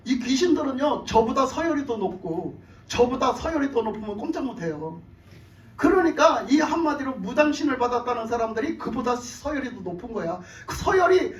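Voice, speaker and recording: Pastor guy with a really high voice, animated sermon, lots of rhetorical questions, echoey church, mic far away.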